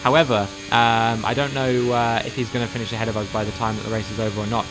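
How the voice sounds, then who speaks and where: Here a YouTuber narrates his racing gameplay in real time, voice mid-range, with noise in the background. It's quick-fire position updates, climbing to a shout when cars crash.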